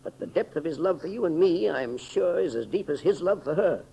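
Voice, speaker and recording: An actor playing a kindly older doctor, thoughtful and measured, in a 1930s radio serial. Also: male voice, a little high, expressive, vocal fry, dark tone, husky, heavily acted. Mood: grave, resolved. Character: kindly older doctor, gentle, self-sacrificing loyal friend. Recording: muffled old 1930s radio recording.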